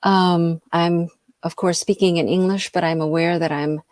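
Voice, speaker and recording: Over a video call, a middle-aged woman from the US gives an informal invited lecture, hesitant and full of ums and uhs. Her fairly low, darkish voice keeps fairly even intonation at a normal pace, in clean, echo-free studio sound.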